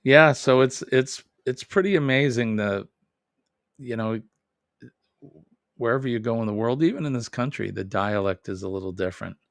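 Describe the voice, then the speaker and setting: A New England man with a Boston accent hosts a casual live stream in a mid-range voice with vocal fry, at a moderate pace and with no room sound. Reading viewer comments, he rambles, corrects himself and chuckles often.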